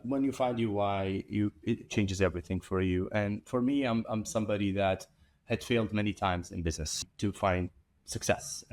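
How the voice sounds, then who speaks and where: A man's voice: fairly low pitch, normal speed. A man from Iraq, founder of an IT services company, speaking earnestly as an interview guest with a few repeated starts. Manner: earnest, steady, some repeated word starts. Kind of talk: conversational interview.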